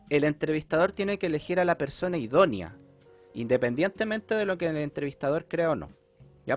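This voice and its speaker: Chilean man teaching, higher-pitched voice. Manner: explanatory, checks in often with "¿ya?" and "¿cierto?". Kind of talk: online class lecture.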